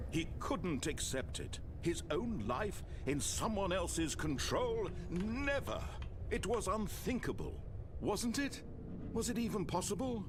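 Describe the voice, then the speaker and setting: An actor playing a grandiose video game narrator, delivering scripted drama and rhetorical questions like a hammy stage performer. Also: male voice, high-pitched, background noise, heavily acted. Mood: dramatic disbelief.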